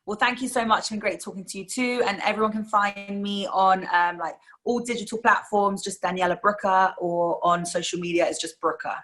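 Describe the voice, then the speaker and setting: A woman's voice: mid-range voice, fairly quick, few pauses, fairly bright tone. A woman with a London accent, a singer-songwriter guest chatting casually in an interview, laughing easily and saying "like" a lot. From England.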